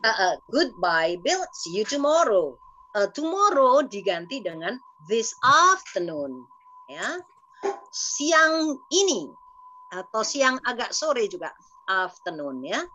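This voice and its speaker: A woman's voice: on the high side, very animated, slow pace, sharp tone, slight background noise. A woman with an Indonesian accent teaching an English lesson over a video call, patiently repeating words for the class to copy.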